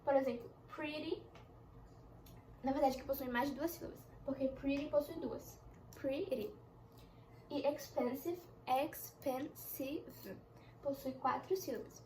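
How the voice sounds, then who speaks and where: A young woman teaching an English lesson in a chatty way, explaining slowly with examples. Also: sits high, a little mellow, a little hiss or hum. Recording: echoey room with faint ambience.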